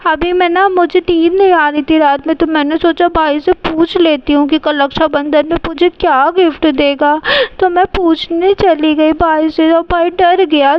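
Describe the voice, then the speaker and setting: Lady putting on a high lisping little girl doll, whiny, pleading, dull dry sound. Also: no room sound. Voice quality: babyish lisping talk. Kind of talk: storybook doll play.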